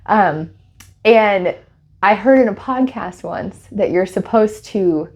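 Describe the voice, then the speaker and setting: A woman co-hosting a podcast, telling a personal story in casual chat, animated and laughing as she goes. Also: medium pitch, takes it slowly. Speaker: podcast co-host.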